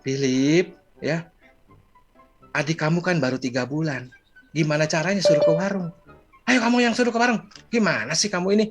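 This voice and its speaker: A man's voice: on the high side, normal speed, long pauses, over loud music, close to an everyday voice. A man voicing a busy mother who coaxes and scolds her son in a children's story. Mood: scolding. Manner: coaxing, exasperated.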